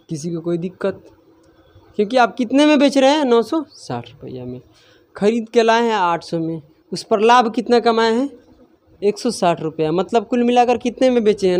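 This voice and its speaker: High-pitched guy teaching maths, quizzing the class over and over. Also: darkish tone. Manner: asks students constant questions, then answers them himself; scolds students for laughing.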